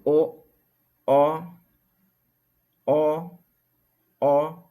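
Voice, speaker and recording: A man teaching a recorded language lesson, speaking slowly and deliberately and repeating sounds for the listener to practice. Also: mid-range voice, a little mellow.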